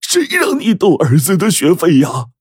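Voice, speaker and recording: A gravely ill farmer, breathy and weak yet stubborn, dragging his words , as a male storyteller puts him on. The voice sits close and dry. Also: sits high, huge pitch swings, moderate pace, a little mellow, no echo, voice pushed up, exaggerated voice. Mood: angry. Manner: weak and breathy, turning fierce.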